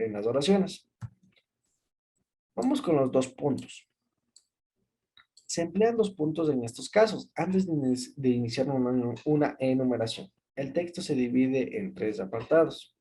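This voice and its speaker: A man's voice: medium pitch, warm tone, slightly rough. A male teacher with an Ecuadorian Spanish accent, giving a recorded class lesson. He explains step by step and checks in with a rising "¿sí?".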